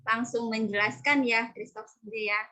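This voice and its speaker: A woman co-hosting an online cultural talk, with deliberate, hesitant phrasing. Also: fairly high pitch, fairly even intonation, bright, forceful tone. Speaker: co-host, teacher.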